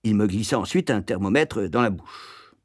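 Expressive male audiobook narrator. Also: on the low side, normal speed, dry recording, clean studio sound. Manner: expressive, lively storytelling.

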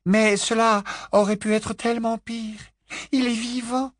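A man reading an audiobook, voicing an anxious, motherly witch who speaks high and tearful. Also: fairly even intonation, unhurried, no room sound, clean studio sound, lightly acted. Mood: distressed.

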